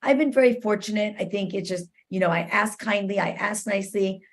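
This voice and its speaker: A cultural competency expert, appearing as an interview guest, gives advice in a fairly quick, medium-pitched voice. She explains things conversationally and often checks in with the listener.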